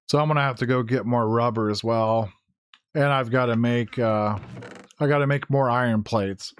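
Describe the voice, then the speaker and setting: A gaming YouTuber gives casual Let's Play commentary in a hoarse, strained, middle-range voice, rambling and thinking aloud with fillers and self-corrections. His tone is steady and his pace moderate, and the recording is dry and close with no echo or room around it.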